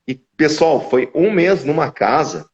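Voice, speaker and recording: A man's voice: fairly high pitch, sing-song, unhurried. A man, a guest from a language school, explaining at length in casual live-stream conversation with frequent restarts. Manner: explanatory, restarts with repeated words. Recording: dull lo-fi audio.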